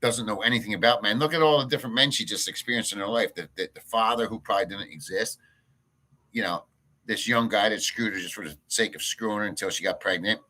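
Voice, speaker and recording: A man hosts a casual livestream from his home in a rural province, ranting bluntly and crudely, rambling, and answering chat. His voice is fairly low, quick and sharp in tone. The recording quality is low.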